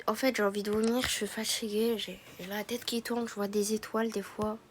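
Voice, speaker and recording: A woman's voice: medium pitch, level tone, brisk, a little hiss or hum, lightly acted. A woman voicing a sick young wife filming a vlog, talking weakly and tiredly, with music playing behind. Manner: weak, tired, slightly nauseous voice.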